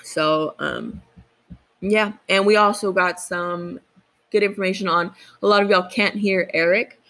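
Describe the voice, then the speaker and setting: A woman's voice: mid-range voice, steady tone, unhurried, a bit bright, rough recording. Chatty young woman co-hosting a podcast. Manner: chatty, swears casually, self-deprecating. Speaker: podcast co-host. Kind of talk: casual podcast chat.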